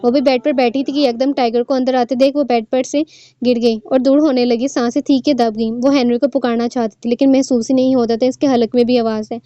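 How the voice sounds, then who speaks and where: Woman narrator for novel reading, slightly high, mellow, dry and dull sound. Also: steady tone, fairly quick, no echo.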